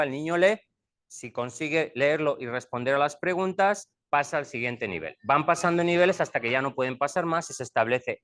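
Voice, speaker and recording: Middle-aged guy walking parents through school stuff, pitch a bit high, switches languages to repeat himself. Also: a bit bright. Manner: explanatory, repeats points in both languages. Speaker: school leader speaking to parents. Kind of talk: bilingual presentation to parents.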